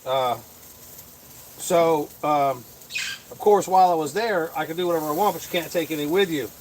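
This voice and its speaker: A middle-aged man hosting a casual livestream chat as a comedian, rambling with lots of fillers and quick chuckles. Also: on the high side, darkish tone, slight background noise. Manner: chuckling, full of fillers and restarts.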